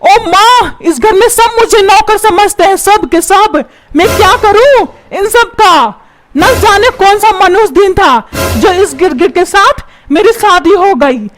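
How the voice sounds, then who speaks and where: A woman's voice: very high-pitched, unhurried. A woman voicing a grumpy, put-upon old husband and father who scolds and complains. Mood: scolding. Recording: music playing behind.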